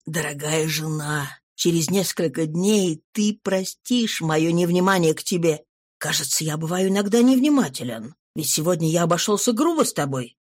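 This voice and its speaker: A woman reader lowering her voice to play an absorbed, tender middle-aged scholar speaking lovingly to his wife. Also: animated, a little slow, darkish tone.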